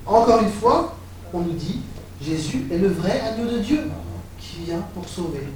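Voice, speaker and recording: A man preaching a sermon, animated and building to excited exclamations. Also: high voice, a little slow, a little hiss or hum. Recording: echoey hall, voice from far off.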